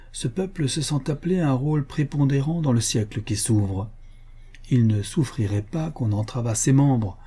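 A man voicing a powerful, cautious capitalist who speaks in a measured, reasoning way. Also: mid-range voice, warm tone, breathy edge.

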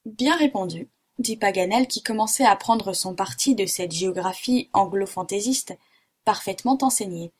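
A woman narrating a classic adventure novel in a steady, even reading. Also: medium pitch, normal speed, husky. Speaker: audiobook reader. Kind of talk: storybook narration.

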